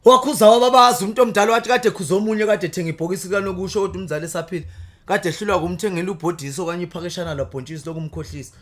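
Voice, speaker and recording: A man's voice: high voice, fairly even intonation, very fast, a bit bright. A man with a Zulu accent reciting praise poetry in an impassioned, declamatory torrent. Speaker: guest, praise poet.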